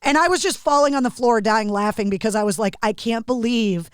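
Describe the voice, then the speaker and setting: A woman hosting a podcast from her home studio, telling stories in an animated, giggly way on a remote call. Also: fairly high pitch, fast talker, clear, resonant tone, no echo. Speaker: podcast and radio host. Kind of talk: casual interview chat.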